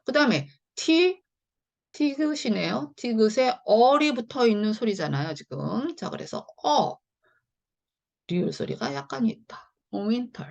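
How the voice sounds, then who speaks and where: Husky, gravelly woman teaching phonics. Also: on the high side, lively intonation, moderate pace. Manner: chatty, repeats "자" and "네" often, explains step by step. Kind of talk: explanatory online lesson.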